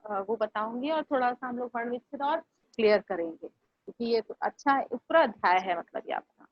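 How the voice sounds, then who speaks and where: A woman teacher giving a slow, patient online lesson, asking her students questions. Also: on the high side, lively intonation. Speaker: Hindi teacher. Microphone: video call. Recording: muffled online class audio.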